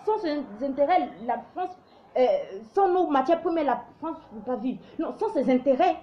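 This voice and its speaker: A woman's voice: sits high, expressive, moderate pace, highs cut off. A woman from Africa hosting a live show, giving opinionated commentary in an emphatic, preachy way that often stumbles and restarts.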